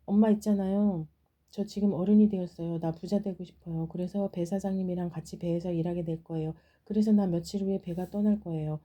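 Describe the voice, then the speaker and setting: A woman's voice: on the low side, fairly even intonation, a little fast, mellow, highs cut off, lightly acted. A woman voicing a young man in a folktale, the poor son of a fisherwoman, who speaks in simple, earnest pleas. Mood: pleading.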